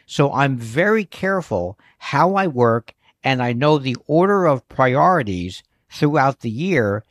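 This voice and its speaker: A man's voice: medium pitch, lively intonation, unhurried, no room sound, clean studio sound. A man hosting his own podcast, talking through his bookkeeping work in a chatty monologue that wanders into asides. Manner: chatty, prone to digressions.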